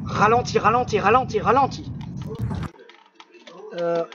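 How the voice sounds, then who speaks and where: A man doing excitable, swearing commentary while playing a driving game, shouting at the screen. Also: very high-pitched, a little slow, dull audio, noisy background. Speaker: gaming video creator. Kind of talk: live gameplay commentary. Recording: loud car game sounds under the voice. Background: revving engines and crashes from the game.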